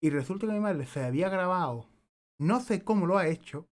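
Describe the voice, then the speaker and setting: A young Spanish man streams a game and chats loosely as he plays, rambling through anecdotes, repeating himself and swearing casually. His voice sits high, expressive and a little fast.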